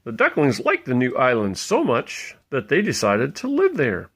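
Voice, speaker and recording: Reading a children's storybook at bedtime, this father keeps things playful. His voice is gravelly and husky, rising and falling energetically whenever he stops to point something out.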